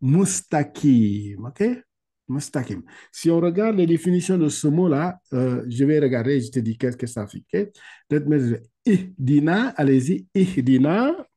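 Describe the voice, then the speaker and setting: A man's voice: a little high, warm tone. Patient man. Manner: patient, explains step by step, checks with frequent "ok?"; slow, drawn-out recitation of Arabic words for repetition. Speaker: Quran reading teacher. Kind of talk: one-on-one lesson over video call. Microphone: video call.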